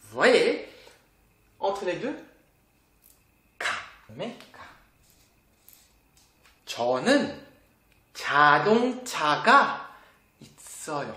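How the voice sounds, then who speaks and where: A language teacher talks through a lesson at an unhurried pace. The voice rises and falls a lot, with a patient habit of quizzing the listener. A roomy echo hangs on the recording. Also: medium pitch, big pitch swings, pushed and bright, slight background noise. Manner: patient, asks the viewer questions. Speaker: Korean teacher.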